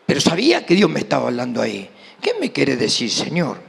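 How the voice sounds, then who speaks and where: A man's voice: mid-range voice, brisk, gravelly, slightly rough. A middle-aged man with an Argentine Rioplatense accent preaching a sermon, telling a personal testimony and acting out the dialogue. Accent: Argentine Rioplatense Spanish. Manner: animated storyteller, acting out dialogue. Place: church hall. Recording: reverberant church hall.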